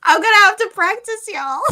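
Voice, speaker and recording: A woman's voice: very high-pitched, pushed and bright, rough recording. A woman practising new words as a beginner in casual chat, hesitant, giggly and self-deprecating. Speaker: beginner language learner.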